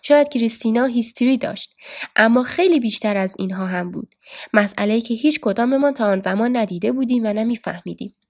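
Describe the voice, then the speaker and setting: A woman narrating a book as a steady, scripted audiobook reading. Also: on the high side, dry recording, clean studio sound. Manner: steady storytelling.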